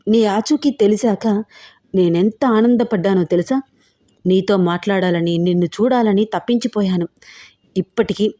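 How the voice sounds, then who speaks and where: A woman voicing a possessive, menacing male gangster who talks in a smooth, wheedling way. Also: medium pitch, dark tone, natural voice. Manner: smooth, wheedling then threatening.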